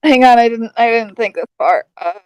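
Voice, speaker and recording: A woman's voice: fairly high pitch, normal speed. A woman playing a tabletop game, reading spell rules and talking hesitantly with fillers. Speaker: player.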